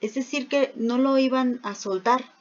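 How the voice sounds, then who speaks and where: Una mujer que enseña la Biblia en un sermón, con preguntas retóricas y lectura de versículos. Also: female voice, high-pitched, unhurried. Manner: asks rhetorical questions, reads scripture aloud. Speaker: preacher. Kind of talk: bible teaching. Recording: dull lo-fi recording.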